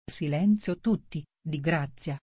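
A stiff, self-important little mouse who lectures everyone around him, as a woman reader puts him on. The voice sits low and is recorded dry and close, with a prim, frowning edge. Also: takes it slowly, mellow, breathy edge, dry recording, full character voice. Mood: lecturing. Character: pompous male mouse lecturing a crowd. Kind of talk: storybook character reading.

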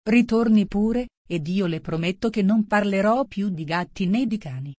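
A woman's voice: mid-range voice, normal speed, a little mellow, no room sound, studio quality, lightly acted. A woman voicing a polite, curious little girl in a storybook reading, coaxing and chatty.

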